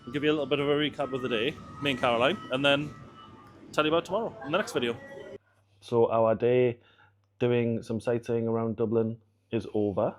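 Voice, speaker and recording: A chatty man hosting a travel vlog, talking at an easy, even pitch. He recaps the day to camera in a loose, casual way. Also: fairly quick, soft background music. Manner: chatty, relaxed, wraps up to camera. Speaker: vlogger.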